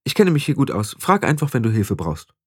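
A man's voice: medium pitch, big pitch swings, brisk, slightly rough, voice pushed up. A man reading the part of a modest young witch girl who hesitates and hedges. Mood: hesitant. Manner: hesitant, fillers.

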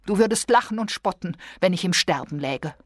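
A woman's voice: fairly low pitch, lively intonation, brisk, dry recording, clean studio sound. A woman voicing a fussy, self-pitying invalid wife who complains plaintively.

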